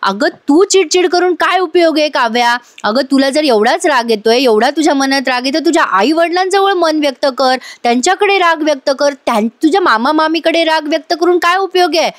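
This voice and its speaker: A woman's voice: high-pitched, brisk, few pauses, no room sound, pitched above the performer's own voice, lightly acted. Woman doing a worried, coaxing young friend. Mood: pleading. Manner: coaxing, questioning tone.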